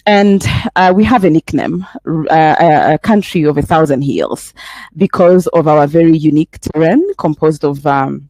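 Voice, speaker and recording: A woman's voice: deep voice, moderate pace, dark tone, dry recording. A woman from Rwanda giving a webinar presentation, earnest and full of fillers as she presses through her points. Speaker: presenter for a young professionals group.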